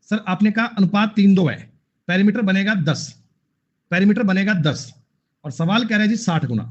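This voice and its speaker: High-voiced scolding male math teacher. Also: muffled recording. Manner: scolding, repetitive, addresses students as beta. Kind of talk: online math class.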